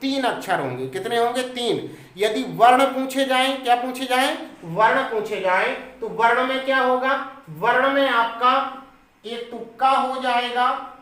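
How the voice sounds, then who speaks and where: A man's voice: extremely high pitch, measured pace, sharp tone, echoey room, poor audio. A male teacher giving an online grammar lesson for exam preparation, who keeps asking the class questions and answering them himself.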